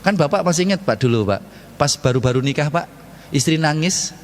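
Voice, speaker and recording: A man preaches to a mosque congregation in a playful, joking way, asking questions and then answering them himself. His voice sits a little high for a man. It rings with the long reverb of a large hall. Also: lively intonation, fairly quick. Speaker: ustadz giving a mosque study talk. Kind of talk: lively sermon with jokes to the congregation.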